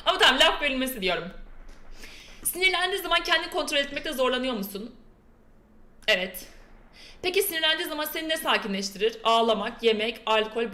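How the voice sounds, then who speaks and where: A woman's voice: on the high side, bright, forceful tone, reverberant. A young woman chatting casually with her live-stream chat and reading quiz questions aloud in a playful way. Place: indoor room with a door that keeps slamming.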